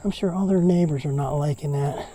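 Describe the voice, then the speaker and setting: A man's voice: a little high, a little fast, noisy background. A man walking outdoors on a wooded trail, giving casual running commentary with chatty, grumbling remarks to himself, a little out of breath from the uphill walk.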